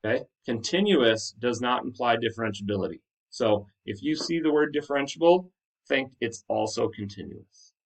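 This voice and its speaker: A man speaks as a teacher to his class in a medium-pitched voice. He explains things in an instructive manner and checks understanding with questions. The microphone sits at some distance from him. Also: animated, normal speed, gravelly. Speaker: high school math teacher.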